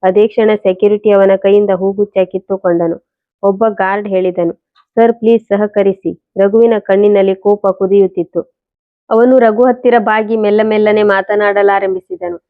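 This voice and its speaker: A woman narrating a scripted first-person story in an even, measured reading. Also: mid-range voice, no room sound. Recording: dull lo-fi recording.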